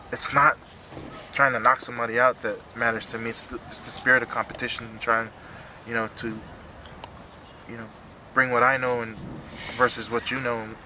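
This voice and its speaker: A man in his thirties speaking emotionally and haltingly in an earnest, unscripted post-fight interview as a retiring fighter. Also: medium pitch, sharp tone, slight background noise. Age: 30s. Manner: halting, earnest, repeats himself.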